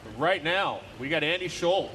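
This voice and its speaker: A tractor pull announcer with a bright, forceful voice. He is a man pitched fairly high, calling the event in a folksy style. Faint vehicle noise and outdoor ambience sit behind him. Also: lively intonation, normal speed. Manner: repeats figures, folksy.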